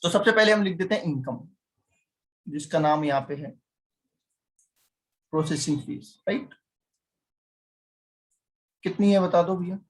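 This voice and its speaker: A man's voice: high-pitched, unhurried, pauses often. A male teacher giving a chatty lecture, teasing his students and constantly quizzing them. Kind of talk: classroom lecture.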